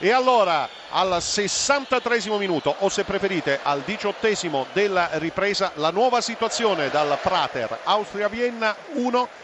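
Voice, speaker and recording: A man giving excited, breathless live football goal commentary over stadium ambience. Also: high-pitched, moderate pace. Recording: noisy stadium broadcast.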